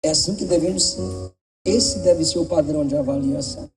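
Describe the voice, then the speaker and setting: A man preaching a sermon in Brazilian Portuguese, his voice swinging between loud and soft as he presses his point. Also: fairly high pitch, brisk, recorded from a distance, soft background music. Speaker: pastor. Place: church.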